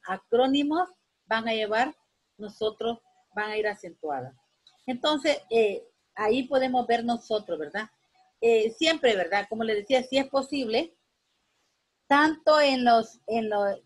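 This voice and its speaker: A woman teacher giving a spoken grammar lesson, rambling with many restarts and a constant "right?" tag. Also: a little high.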